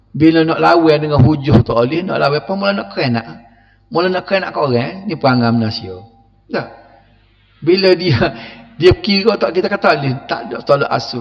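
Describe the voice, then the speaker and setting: A man with a Kelantanese Malay accent giving an evening mosque lecture on Quran verses, lively, laughing and questioning his listeners. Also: medium pitch. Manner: lively, laughing, acts out quoted voices, questions the audience. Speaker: religious lecturer. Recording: muffled recording with long reverb.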